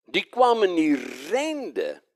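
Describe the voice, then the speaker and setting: A man preaching a sermon, retelling Bible stories in a lively, colloquial way and acting out the voices of people in them. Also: sits high, slow pace, no echo, studio quality. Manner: plain colloquial Dutch, with slips and restarts.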